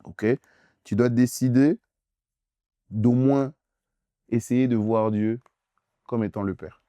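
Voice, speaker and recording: A man's voice: mid-range voice, fairly even intonation, takes it slowly, mellow, no echo, clean studio sound. A young man preaching as pastor in a youth question-and-answer session, emphatic and insistent, repeating phrases straight at the listener.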